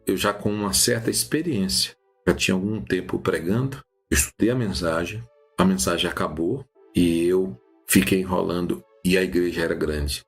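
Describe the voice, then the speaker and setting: A man teaching new preachers in a live-streamed lesson, animated, with many restarts and "tá bom?" checks. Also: low-pitched, gravelly, slightly rough.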